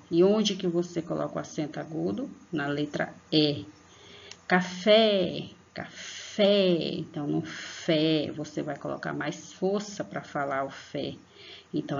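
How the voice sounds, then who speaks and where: A woman's voice: low voice, creaky, a little mellow. A woman teacher giving a patient online lesson to children, stretching out and stressing example words. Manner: patient, talks to pupils as "tia". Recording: dull lo-fi online class audio.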